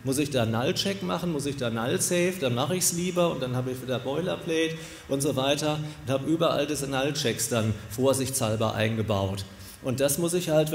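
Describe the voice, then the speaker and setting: A middle-aged man, a software developer, giving a relaxed conference talk with a live coding demo at a podium in a large lecture hall, with many fillers. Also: medium pitch, a little hiss or hum. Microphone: podium mic. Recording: echoey hall from a distance.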